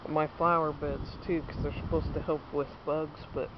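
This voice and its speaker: A woman's voice: sits low, little pitch movement, normal speed. A woman in her thirties walks through her backyard garden, chatting casually as she points out plants to a handheld camera. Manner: chatty, pointing things out while walking. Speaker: home gardener. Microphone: handheld camera at arm's length. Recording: dull lo-fi outdoor camera audio, clear background noise.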